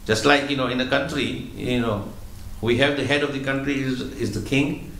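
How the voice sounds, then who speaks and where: A man giving a religious lecture as a spiritual teacher, explaining slowly and patiently, often repeating words as he goes. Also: mid-range voice, steady tone, fairly bright tone, roomy sound, poor audio.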